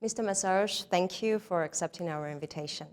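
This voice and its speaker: A woman's voice: fairly low pitch, a little fast. A woman hosting an interview, asking formal, prepared questions. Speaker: interviewer, host.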